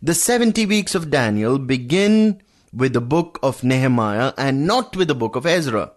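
A man's voice: mid-range voice, expressive. Man teaching the Bible on the radio. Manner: addresses listeners as friends, measured teaching pace.

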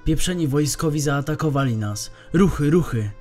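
A man voicing an urgent fighter who shouts an alarm about an attack in an audio drama. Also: on the high side, expressive, normal speed, faint music behind, pitched above the performer's own voice, close to an everyday voice. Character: panicked male camp fighter shouting alarm.

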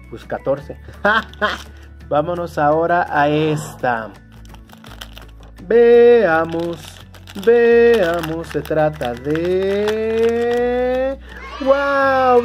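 A man hosting a casual toy unboxing for viewers. He bursts into delighted exclamations and is fond of cute diminutives. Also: a little high. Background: background music.

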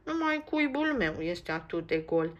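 A woman's voice: on the low side, very animated, muffled recording. Woman voicing Max, a whiny young jackdaw. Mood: whining. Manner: complaining, sighing. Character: young male jackdaw, mischievous and plaintive.

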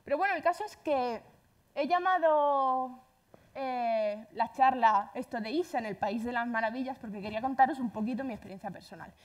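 A woman with an Andalusian accent talks to a conference audience. She speaks quickly and casually, with a self-deprecating tone. Her voice sits a little high. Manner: fast, chatty, self-deprecating. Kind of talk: conference talk.

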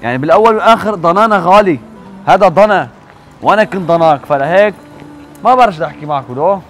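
A man's voice: sits high, fast, faint music behind, close to an everyday voice. A man playing a brusque, impatient grown son. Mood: dismissive. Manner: curt and dismissive. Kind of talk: amateur street drama acting.

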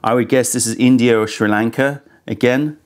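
A man in his thirties hosts a casual tea tasting review on an indoor studio set with a sofa, speaking into a lapel mic. His mid-range voice moves at a moderate pace with fairly even intonation. He comes across as thoughtful and candid, a bit critical.

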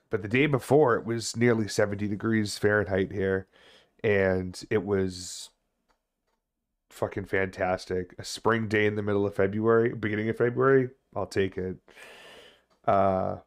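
A man in his thirties chatting casually on a game livestream, rambling haltingly and swearing now and then. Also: fairly low pitch, steady tone. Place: small indoor home room.

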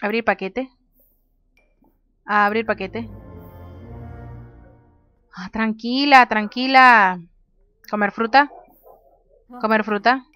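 A woman's voice: on the high side, slow, long pauses, bright, forceful tone, smooth, soft background music. A woman casually commenting on a life-sim game, reading menu options aloud and laughing often. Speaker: gaming youtuber. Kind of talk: casual let's play commentary.

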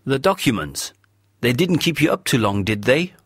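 A man reading aloud and voicing a courteous, eager younger man, a bit higher than his own voice. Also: very animated, moderate pace, breathy edge, no room sound, studio quality.

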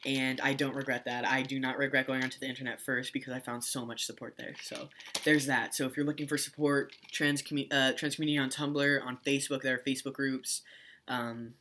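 A man's voice: medium pitch, flat delivery, fairly quick, sharp tone. A young man talking casually to camera in a vlog, rambling with restarts and fillers. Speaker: vlogger.

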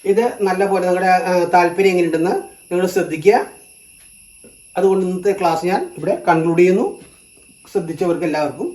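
Teacher giving a slow grammar lesson. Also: medium pitch, fairly even intonation, darkish tone, roomy sound, rough recording. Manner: slow and repetitive, stating each term in two languages.

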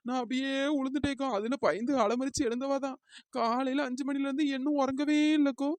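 A woman voicing a frightened, whiny village woman in a cartoon comedy, talking fast in pleading village chatter. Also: high-pitched, fairly even intonation, darkish tone, no room sound, natural voice. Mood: tearful. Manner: fearful, pleading village chatter with drawn-out calls. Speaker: cartoon character.

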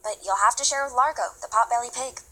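A woman's voice: on the high side, fast, pushed and bright. A woman playing an exasperated pet hotel receptionist in a scripted comedy scene. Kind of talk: prerecorded scene-partner lines, comedy.

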